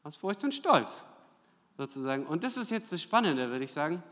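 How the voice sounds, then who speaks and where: A preacher delivers his sermon in a fairly high, animated voice that rises and falls constantly. He drives his points with rhetorical questions and frequent tag checks to the congregation. His voice carries through a hall with a long, lingering reverb. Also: normal speed. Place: church hall.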